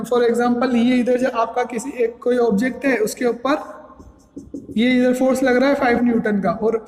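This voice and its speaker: A man teaching physics in a lecture, working step by step and answering his own questions. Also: very high-pitched. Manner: asks questions and answers them himself; repetitive, step-by-step explaining. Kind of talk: classroom lecture. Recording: echoey room with long reverb.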